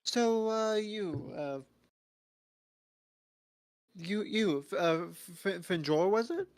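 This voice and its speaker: A man voicing an earnest, polite vegan monk who talks haltingly and stammers. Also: on the high side, lively intonation, no room sound, studio quality. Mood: awkwardly polite.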